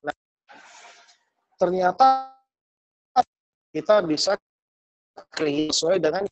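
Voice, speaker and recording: A man's voice: high-pitched, expressive, takes it slowly, dry recording, faint music behind. A man giving a casual motivational talk over an online call, his audio choppy and cutting in and out from a bad connection, rambling and restarting his sentences in informal slang.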